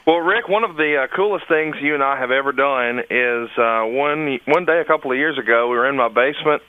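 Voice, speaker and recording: A man's voice: mid-range voice, a little fast, dry recording, narrow, tinny audio. A man co-hosting a podcast, explaining things conversationally and prompting his partner with questions. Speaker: podcast co-host.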